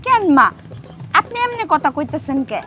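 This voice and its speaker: A cheeky young village bride. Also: female voice, sits high, sing-song, normal speed, pushed and bright, faint music behind, exaggerated voice. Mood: pert. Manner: pert, coaxing, bossy. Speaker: new bride.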